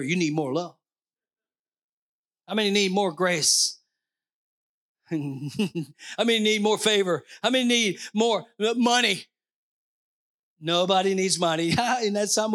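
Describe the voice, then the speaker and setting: A male pastor delivering a sermon, quizzing the congregation, dropping joking asides and swelling to near-shouted emphasis. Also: high-pitched. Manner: call-and-response questions to the congregation.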